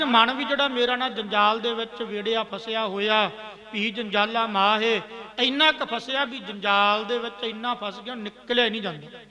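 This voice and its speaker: A Punjabi-accented man preaching a sermon, slowly chanting scripture verses and then explaining them in plain everyday talk. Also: sits high, sharp tone. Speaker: Sikh preacher.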